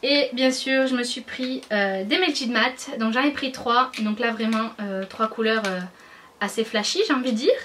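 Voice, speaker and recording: A chatty woman beauty vlogger from France, talking through her haul in a slightly high voice. Her speech is casual and enthusiastic, full of fillers and restarts. There is a faint hiss of noise behind her. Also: normal speed, fairly bright tone. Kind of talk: casual haul video chat.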